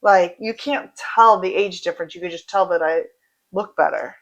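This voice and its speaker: A woman's voice: lowish voice, normal speed. A woman in her forties hosting a casual livestream, reading out viewer comments and chatting in a rambling way, drifting off into asides. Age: 40s.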